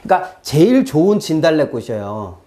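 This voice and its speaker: Lively, animated exam-prep lecturer. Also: mid-range voice, fairly quick. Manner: acts out quoted lines and asks rhetorical questions. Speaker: exam-prep literature teacher. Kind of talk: recorded classroom lecture.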